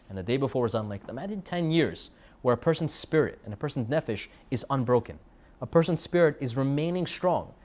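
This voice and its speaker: American guy giving a torah class, kinda high voice, asks lots of questions, animated. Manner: animated, rhetorical questions, sprinkles Hebrew and Yiddish terms. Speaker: rabbi teaching Torah.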